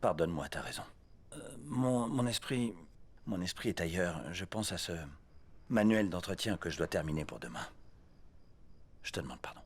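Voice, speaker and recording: A man's voice: low voice, expressive, normal speed, long pauses, a little hiss or hum. An actor dubbing a distracted husband in his fifties who talks hesitantly and apologetically. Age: 50s. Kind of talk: film dub.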